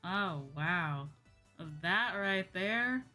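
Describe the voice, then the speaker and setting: A young American woman livestreamer talks very slowly in a medium-pitched, bright, forceful and expressive voice. Like a VTuber chatting with viewers, she is casual, slangy and exclamatory, with background music playing.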